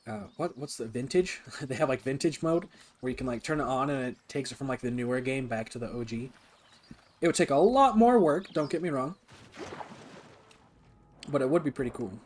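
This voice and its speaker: A man live-streaming a game, chatting casually with lots of fillers like "like" and "you know", and breaking into loud, excited reactions during fights. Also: mid-range voice, fairly quick, pauses often, a little hiss or hum. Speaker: streamer playing a game for the first time.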